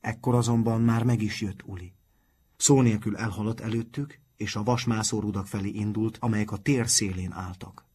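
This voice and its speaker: A man reading a children's novel aloud in a calm, measured audiobook narration. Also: lowish voice, slightly rough.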